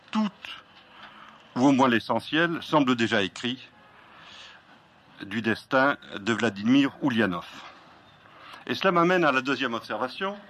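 A man's voice: medium pitch, fairly bright tone. Formal, erudite male interviewer. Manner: formal, erudite, measured phrasing. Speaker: interviewer introducing a guest author. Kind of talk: formal prepared interview introduction.

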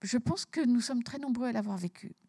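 A Belgian woman author speaks emphatically about her book in an interview, often repeating words as she begins sentences. Her voice is fairly high, mellow and husky, her pace brisk, and the recording is clean studio sound with no echo.

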